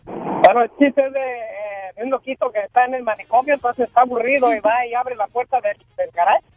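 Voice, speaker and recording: Caller over a muffled line. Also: male voice, very high-pitched, a little fast. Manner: hesitant, restarts his words. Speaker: caller telling a joke.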